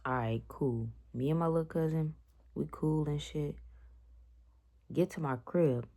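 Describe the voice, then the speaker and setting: A woman's voice: sits low, a little slow, mellow. A young woman telling a story to her viewers in a blunt, slangy, profane rant. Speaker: vlogger. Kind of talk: casual storytime vlog.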